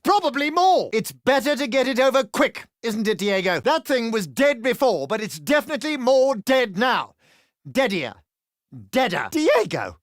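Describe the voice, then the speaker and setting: A man with a British accent voicing a crude, sardonic male adventurer who trades cheeky, quick-witted quips in a video game. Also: very high-pitched, fairly bright tone, dry recording, studio quality, full character voice. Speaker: playable game character.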